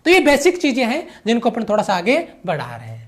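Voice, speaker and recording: A man's voice: very high voice, wildly swooping pitch, fast talker, fairly bright tone. A man giving an online physics lecture who repeats key phrases, mixes English physics terms into his explanation and keeps checking that the students follow. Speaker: physics teacher.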